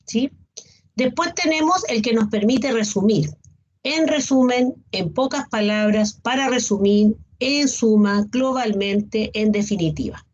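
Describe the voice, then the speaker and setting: A woman's voice: a little high, a little slow, darkish tone. A woman teacher gives an online class, patiently listing examples and often checking in with her students. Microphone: video call. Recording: dull lo-fi video call audio.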